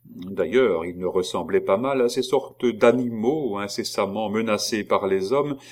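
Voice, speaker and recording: Un homme qui lit un roman classique d'un ton posé et régulier. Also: male voice, fairly low pitch. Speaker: audiobook narrator. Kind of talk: classic novel reading.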